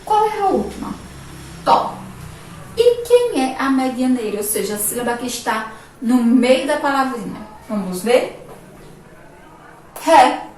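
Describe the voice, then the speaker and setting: A woman teacher with a Brazilian Portuguese accent giving a remote lesson to young children, spelling words out slowly, syllable by syllable. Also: high-pitched, big pitch swings, darkish tone, slight background noise. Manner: slow, syllable-by-syllable teacher talk with diminutives. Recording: echoey distant room mic, faint ambience.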